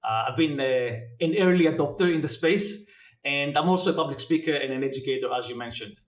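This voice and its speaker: A man in his forties, originally from Greece, explaining his work as a guest, with many filler pauses between thoughts. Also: mid-range voice. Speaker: guest, blockchain educator. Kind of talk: interview answers. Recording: echoey room.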